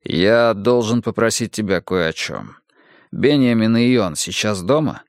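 A man's voice: fairly low pitch, lively intonation, a little slow, no room sound, studio quality. A man doing a shaken psychiatrist. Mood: tense. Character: shaken middle-aged male psychiatrist.

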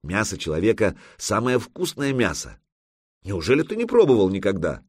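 A man voicing a young tribesman who cheerfully praises the taste of human flesh, with a husky voice. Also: on the low side, big pitch swings, normal speed, darkish tone, no echo, studio quality. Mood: relishing. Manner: eager, matter-of-fact about eating people.

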